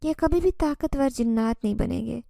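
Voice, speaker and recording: A woman's voice: a little high, gravelly, mellow, no room sound, studio quality. A woman voicing a homeless female jinn mother who speaks in a strange, coaxing, familiar tone. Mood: earnest.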